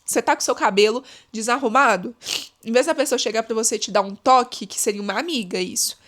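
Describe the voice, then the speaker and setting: A young woman with a somewhat high voice talks through friendship advice in a casual podcast monologue. She is expressive and chatty and keeps turning to her listeners directly. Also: fast. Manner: expressive, chatty, often addresses listeners as "gente". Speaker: podcast host.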